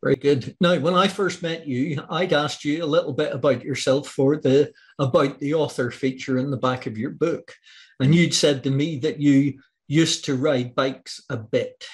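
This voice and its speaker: Over a webcam on a video call from his home office, an Australian man hosts a casual author interview. His voice sits on the high side, with a steady tone and normal speed, and he's friendly, asking questions in long run-on sentences.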